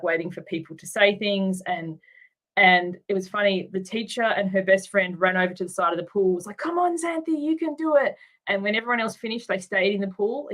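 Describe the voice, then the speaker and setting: A woman's voice: mid-range voice, fairly bright tone, poor audio. A middle-aged Australian woman from Tasmania, speaking openly and reflectively as an interview guest, with frequent ums and likes. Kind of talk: candid interview conversation.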